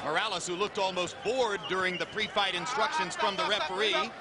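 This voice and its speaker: A high-voiced man gives wordy, colorful play-by-play boxing commentary. A very loud arena crowd roars around him. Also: brisk, background noise. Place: ringside in an arena.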